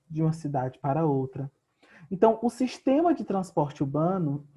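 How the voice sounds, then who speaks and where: A man's voice: fairly high pitch, dark tone. A man with a Brazilian Portuguese accent and a sore throat, coughing often as he patiently teaches a geography lesson he records at home for his students. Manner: patient, explanatory, addresses students directly. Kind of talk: recorded remote class lesson.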